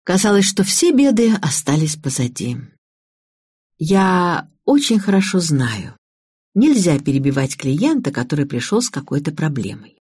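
A woman's voice: low voice, sing-song, a little slow, a little mellow, husky, no room sound, studio quality. A woman reading an audiobook in a matter-of-fact storytelling manner. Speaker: audiobook reader. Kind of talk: audiobook narration.

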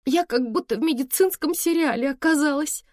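A woman's voice: high voice, fairly quick, a little mellow, dry recording, clean studio sound, voice pushed up, close to an everyday voice. A woman voicing a frantic teenage girl who cries and pleads down the phone. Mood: shaken. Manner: crying, pleading, breathless.

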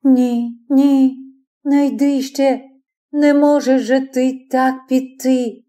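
A woman's voice: high-pitched, level tone, slow pace, mellow. A woman reading the part of a passionate young woman who turns from imperious to pleading, in an audiobook.

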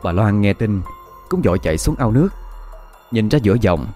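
A man narrating a ghost story in a steady, somber way. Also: on the low side, fairly quick. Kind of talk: scripted horror narration. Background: faint music.

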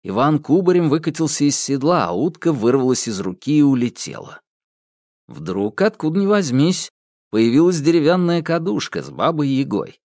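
A man narrating a fairy tale audiobook, expressive and acting out voices. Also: fairly high pitch, moderate pace, dry recording, clean studio sound. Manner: expressive storytelling, acts out voices.

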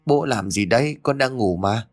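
A man's voice: mid-range voice, expressive, moderate pace, faint music behind. A man voicing a small boy who whines and pleads in a raised childish voice. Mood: sleepy. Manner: whiny, pleading. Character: small boy, whiny and insistent.

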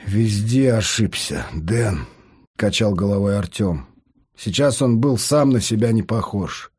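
A man narrating an audiobook in an expressive storytelling manner. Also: fairly low pitch, moderate pace, slightly rough.

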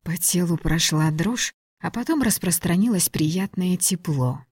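A woman narrating a first-person audiobook in an expressive, wry way. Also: lowish voice, a little slow, breathy edge, no echo, clean studio sound.

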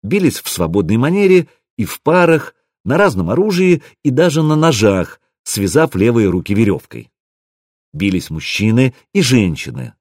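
Expressive male audiobook narrator. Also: mid-range voice, normal speed, no echo, studio quality. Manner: expressive, wry. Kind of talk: first-person audiobook narration.

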